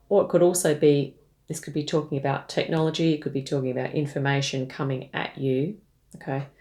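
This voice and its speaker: A woman giving a tarot reading, addressing the listener gently, with frequent fillers and restarts. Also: low-pitched. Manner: hesitant, many fillers and restarts; gentle, speaks directly to the listener. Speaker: tarot reader.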